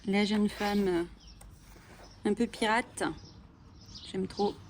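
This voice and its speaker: A woman who runs a coloring channel flips casually through coloring books, chatting with enthusiasm and plenty of fillers. Her mid-range voice barely moves in pitch and she speaks slowly. There's slight background noise, with birds chirping.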